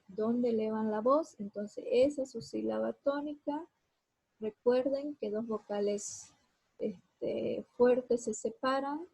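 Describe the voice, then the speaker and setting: A woman's voice: a little high, dark tone, breathy edge, poor audio. A woman teacher giving a lesson, explaining each step and talking straight to her students. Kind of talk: classroom lesson.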